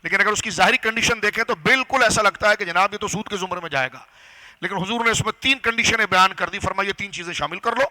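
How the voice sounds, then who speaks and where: A man preaching a religious lecture to a gathering, teaching step by step, asking the audience questions and slowing down on key phrases. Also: high voice, pushed and bright, rough recording. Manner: didactic, rhetorical questions to audience. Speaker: Islamic scholar and preacher. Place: gathering hall.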